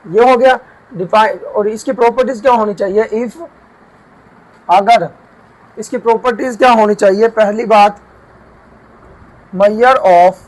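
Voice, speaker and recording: High-voiced man teaching a math lesson. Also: low-quality recording. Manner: explains step by step, repeats and asks himself questions. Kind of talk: whiteboard math lecture. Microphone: camera mic while writing.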